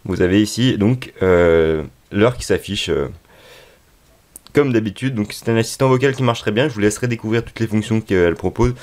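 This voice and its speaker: A man with a very low voice presents a tech tutorial. He speaks unscripted and haltingly, pausing often to find his next words. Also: a little mellow. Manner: hesitant, halting delivery with frequent pauses. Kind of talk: unscripted app tutorial narration.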